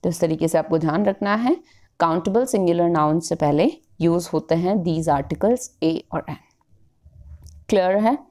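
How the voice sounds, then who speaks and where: A woman with an Indian English accent teaches a grammar lesson, speaking slowly and patiently. Her voice is mellow and sits a little low. She keeps checking in with her listeners as she goes. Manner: explains slowly, mixing Hindi and English, often checking "ठीक है".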